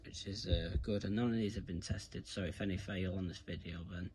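In a carpeted room at home, a British man films his hands on his phone and gives a casual, rambling, repetitive how-to demonstration. His voice sits low with a steady tone at a fairly quick pace. The background is noisy.

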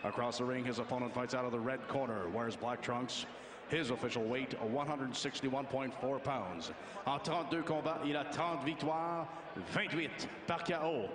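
Echoey, ceremonious male boxing ring announcer. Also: a little high. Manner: ceremonious, drawn-out delivery of names. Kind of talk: formal boxing ring announcing, bilingual French and English. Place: boxing ring in a large indoor arena. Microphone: handheld microphone. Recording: echoey arena PA, background noise.

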